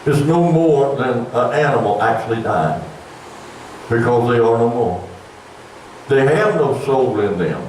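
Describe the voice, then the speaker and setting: An older preacher delivering a folksy, conversational sermon that swells into emphatic, raised passages. His voice sits at an ordinary pitch for a man. It is heard from a distance in a very echoey church room with a faint hum of room noise behind him. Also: animated, unhurried, pauses often, darkish tone.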